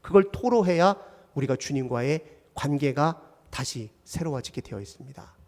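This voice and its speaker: A male pastor preaching in a church, earnest and pleading, often dropping to a near hush. His voice sits fairly high for a man. The sound carries a long church reverb. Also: lively intonation, moderate pace. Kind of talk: sermon. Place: church sanctuary.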